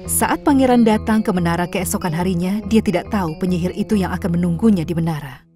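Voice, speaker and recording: A woman narrating a fairy tale for a cartoon in an even, clear scripted storybook voice. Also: fairly low pitch, fast talker. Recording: studio voice-over with music bed.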